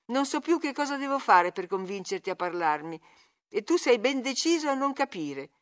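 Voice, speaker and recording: A woman's voice: on the high side, very animated, moderate pace, pitched above the performer's own voice. A woman reading aloud, voicing a petulant, teasing young woman who turns pleading with her cousin. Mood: insistent. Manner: needling, then tearfully pleading.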